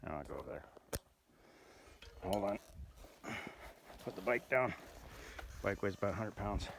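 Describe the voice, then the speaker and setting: An older man telling a rambling, easygoing story outdoors on a remote mountain road, with many pauses and "uh"s. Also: on the low side, animated, noisy background. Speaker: bikepacker vlogger. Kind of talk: casual outdoor vlog narration.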